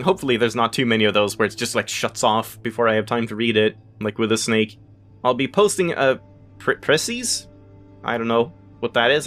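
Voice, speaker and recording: A man with a mid-range, slightly bright voice hosts a let's play, reading in-game text aloud and adding casual asides. He stumbles over unfamiliar words now and then and corrects himself, with game music playing behind him.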